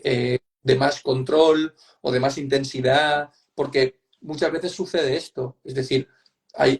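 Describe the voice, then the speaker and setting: A gravelly, mid-range voice carries this Spanish-accented psychotherapist's explanations in an online interview. Conversational yet emphatic, he goes over points repeatedly and uses tag questions to check that listeners agree.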